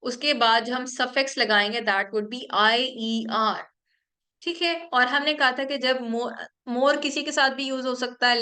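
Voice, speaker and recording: Woman with a Pakistani accent, grammar lecturer, bright voice pitched a little high, explains step by step. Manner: explains step by step, mixing English terms, often asks "ठीक है?". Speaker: teacher.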